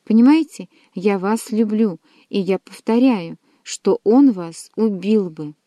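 A woman's voice: mid-range voice, takes it slowly, warm tone, no room sound, natural voice. A woman voicing a young queen who teases and reproaches her lover. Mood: reproachful. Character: young queen, teasing and commanding.

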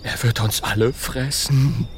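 A man's voice: medium pitch, steady tone, measured pace, slight background noise, natural voice. A man voicing a cowardly male dinosaur who talks fearfully with a stammer. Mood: frightened.

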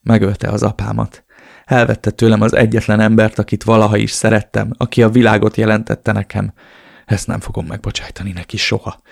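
A man's voice: lowish voice, little pitch movement, creaky, dry recording, studio quality. A man voicing a grieving, furious young woman who vows revenge. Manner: tearful, vengeful.

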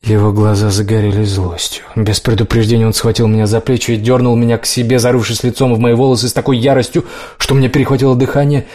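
A man reading a first-person romance novel aloud, slow and measured. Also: medium pitch, flat delivery, darkish tone. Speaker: audiobook reader.

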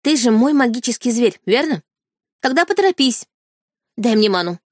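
A woman's voice: a little high, lively intonation, moderate pace, no room sound, studio quality, voice pushed up. A woman reading an audiobook, voicing a desperate young wife who speaks urgently and with agitation.

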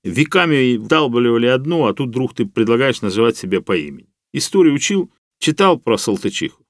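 A calm and kindly older professor in an audiobook, as a male narrator voices him. His speech is measured and explanatory, gentle rather than sharp. The sound is close and dry. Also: mid-range voice, no room sound, pitched above the performer's own voice, close to an everyday voice.

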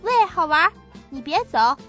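A woman's voice: high-pitched, normal speed, bright, forceful tone. A woman voicing a stern, angry old male monkey who scolds in a demanding way, over faint music. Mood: bossy.

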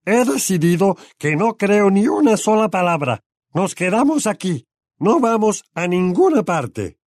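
A man voicing a blustering middle-aged uncle who shouts and drags out his words in an audiobook. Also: high voice, sing-song, dry recording, clean studio sound, voice pushed up. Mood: bellowing angry. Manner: shouting, drawn-out and overbearing. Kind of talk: audiobook character voice.

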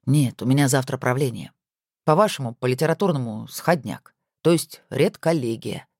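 A woman's voice: very deep voice, moderate pace, a little mellow, no room sound, voice pushed down. A woman voicing a teasing, self-important rich husband on the phone, with dry mock-pompous humor.

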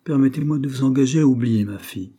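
A stern, dignified employer, put on by a man reading the story, speaking coldly and formally in a dark, husky voice pitched a little above his usual one. Curt and reserved, he refuses without explanation. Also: fast talker, lightly acted.

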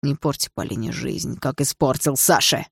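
A woman reading an audiobook, voicing a slick, scheming stepfather who talks smoothly and menacingly. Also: a bass voice, normal speed, no room sound, clean studio sound, heavily acted. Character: slick, scheming stepfather, middle-aged man.

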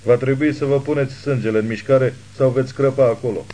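A man voicing a wounded, defiant gunman who shouts taunts at hidden pursuers in an audiobook. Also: mid-range voice, fairly even intonation, natural voice. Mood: defiant taunting. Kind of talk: audiobook character reading.

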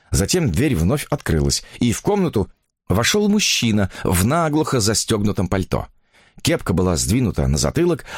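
Expressive male audiobook narrator. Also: lowish voice, breathy edge, no room sound, clean studio sound. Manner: expressive, dramatic. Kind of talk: audiobook reading.

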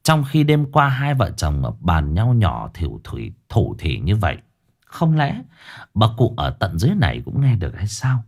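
A man's voice: on the low side, huge pitch swings, moderate pace, creaky. A man narrating a ghost story with a dramatic, varied delivery.

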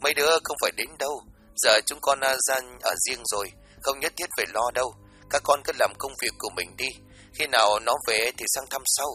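A man doing a hushed village mother. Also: medium pitch, brisk, slightly rough, soft background music, voice pushed up. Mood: soothing. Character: older village mother on the phone.

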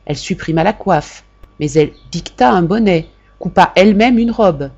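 A woman's voice: fairly low pitch, moderate pace, darkish tone, breathy edge. Woman reading an audiobook, lo-fi sound. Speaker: audiobook reader. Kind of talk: scripted narration.

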